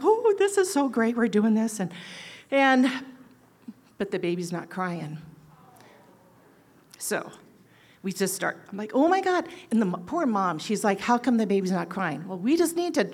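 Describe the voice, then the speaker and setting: A fairly high-voiced woman in her sixties tells a story to a crowd. She is a nurse with an animated delivery and acts out each quoted line with big leaps in pitch and loudness. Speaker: oncology nurse. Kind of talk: storytelling to an audience.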